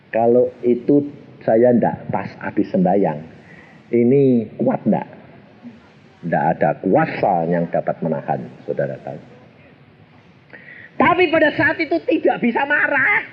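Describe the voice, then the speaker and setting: A middle-aged man preaching a storytelling sermon, animated and jokey, acting out the voices in his stories. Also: lowish voice, breathy edge. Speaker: pastor. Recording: dull lo-fi sermon recording with faint hiss.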